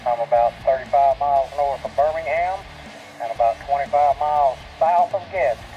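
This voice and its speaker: A man's voice: medium pitch, moderate pace, warm tone, faint music behind. A man with a ham operator's terse on-air phrasing, heard through a two-way radio speaker. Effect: heard over a two-way radio. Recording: muffled radio speaker audio.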